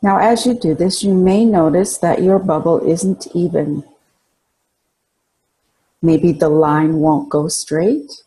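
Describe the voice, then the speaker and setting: A woman leads a guided relaxation meditation, speaking very slowly with soft, mellow tones and a husky, breathy quality. Her instructions are calm and soothing, with pauses between phrases. Her voice sits lowish, and the audio quality is poor.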